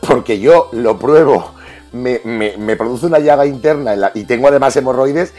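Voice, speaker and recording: A man's voice: mid-range voice, normal speed, a little mellow. A man from co-hosting a casual podcast, telling jokey stories with big exaggerated reactions. His voice sits in a middle register, and faint music plays beneath the talk. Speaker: podcast co-host.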